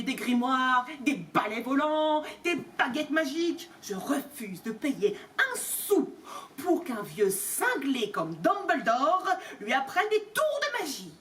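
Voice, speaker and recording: A blustering middle-aged uncle who sputters shrill, panicky protests, as a woman storyteller puts him on. The voice leaps high and wide, and it is picked up from across the room over faint room noise. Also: darkish tone, recorded from a distance.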